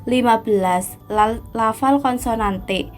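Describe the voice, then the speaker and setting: Woman, fairly high voice, reading a lesson, counting off the steps. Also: slow pace, faint music behind. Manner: numbered, step-by-step recitation. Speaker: student presenter. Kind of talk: reading a phonetics explanation aloud.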